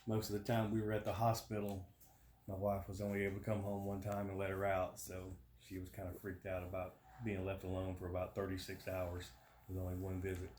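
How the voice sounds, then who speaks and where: Low-voiced man, flat and matter-of-fact. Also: a little fast. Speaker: vlogger giving a surgery recovery update. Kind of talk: casual talk to camera. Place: indoors at home. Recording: roomy home echo with faint noise.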